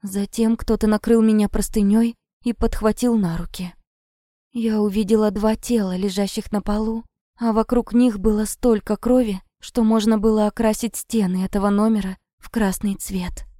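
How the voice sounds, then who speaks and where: A woman narrates a first-person audiobook with tense, dramatic delivery. Her voice is dark and mellow at a middle pitch. The recording is dry and close, with no room sound. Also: fairly even intonation, moderate pace, no echo.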